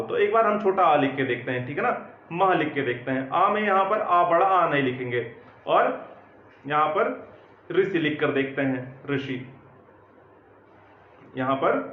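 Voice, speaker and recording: A man's voice: high-pitched, reverberant, dull audio. A man teaching grammar, explaining step by step and often checking that students follow. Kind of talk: classroom lecture.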